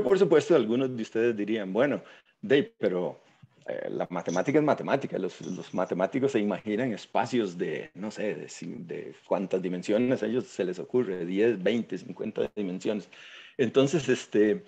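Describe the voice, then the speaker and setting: A man with a Costa Rican accent giving an informal science lecture, often tagging his sentences with "verdad?" and filling pauses with "este". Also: on the low side, creaky, a little mellow, breathy edge, lo-fi sound. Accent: Costa Rican Spanish. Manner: tags sentences with "verdad?", many "este" fillers. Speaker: guest lecturer.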